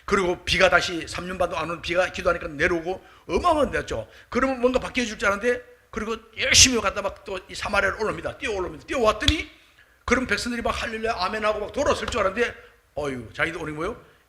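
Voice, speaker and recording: A middle-aged male pastor preaching a morning prayer sermon, animated and acting out quoted voices. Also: high-pitched, very fast.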